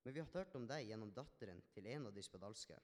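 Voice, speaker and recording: A man's voice: on the low side, lively intonation, darkish tone, close to an everyday voice. A man playing a healed Samaritan leper man, telling his story in an earnest, reflective first-person monologue with small restarts. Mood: somber. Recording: long hall reverb.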